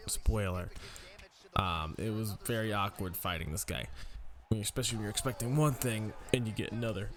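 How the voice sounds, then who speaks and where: A young man hosting a gaming channel, rambling tiredly and casually through his game commentary, swearing now and then and yawning. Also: on the low side. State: sleepy, yawning.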